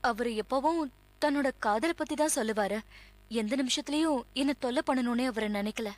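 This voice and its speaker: Woman playing a young actress talking to reporters, fast and earnest, highish voice, dubbed movie. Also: lightly acted. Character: young actress recounting her kidnapping to reporters. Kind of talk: dubbed film acting.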